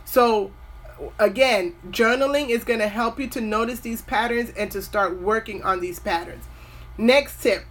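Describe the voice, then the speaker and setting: A woman in her forties hosts a skincare video, casually advising viewers on camera in an earnest, uplifting way and drifting off topic at times. She speaks a little slowly, her pitch fairly high.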